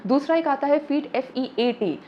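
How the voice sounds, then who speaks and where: A woman teaching English vocabulary in an online class, explaining each word slowly and spelling it out letter by letter. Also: sits high. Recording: slightly dull lo-fi audio with faint background noise.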